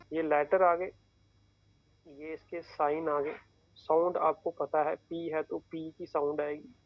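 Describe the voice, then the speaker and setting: A man's voice: fairly high pitch, no room sound. A man teaching a shorthand class, explaining each symbol step by step and checking in often with his students. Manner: patient, repeats points, keeps checking in with "theek hai". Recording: tinny phone-like dry sound.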